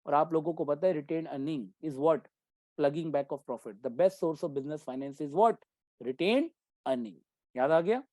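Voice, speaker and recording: Mellow-voiced man teaching a class. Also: on the high side, takes it slowly, no room sound. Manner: keeps checking in with students; mixes Hindi with English terms. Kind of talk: exam-prep commerce lecture.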